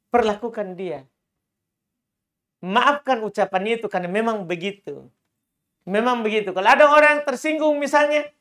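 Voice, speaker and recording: A man's voice: high voice, fairly bright tone. A middle-aged male Islamic preacher, giving a religious lecture and answering questions. He repeats key phrases and his voice climbs sharply when he stresses a point.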